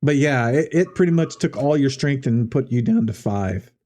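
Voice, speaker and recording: Male game master, deep mellow tone, casual tabletop narration. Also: animated, moderate pace. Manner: loose, conversational scene-setting.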